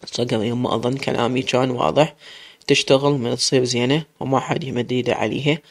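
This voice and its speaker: A man doing a stern Iraqi sheikh with a gravelly voice. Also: medium pitch, fairly even intonation, fast talker, lightly acted. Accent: Iraqi Arabic. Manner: firm, commanding.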